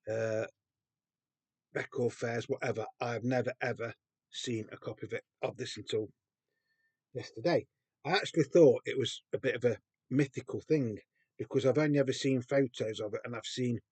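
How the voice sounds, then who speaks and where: A man's voice: mid-range voice, a little mellow. A man in his fifties or older rambles happily about a record in his collection. He has an ordinary mid-range voice and restarts his sentences often. The sound is dry and close, with no room echo. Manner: chatty, rambling, with frequent ums and restarts. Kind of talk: casual show-and-tell.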